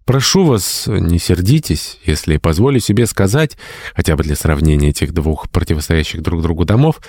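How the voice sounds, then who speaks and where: A man reading a classic novel aloud as an audiobook narrator, in a measured storytelling manner. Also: sits low, lively intonation, darkish tone, dry recording. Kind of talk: scripted narration.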